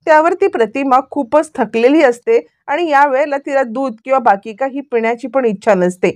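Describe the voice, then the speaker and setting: A woman retelling a television serial episode as a lively, running story recap. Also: high voice, normal speed, no room sound, clean studio sound.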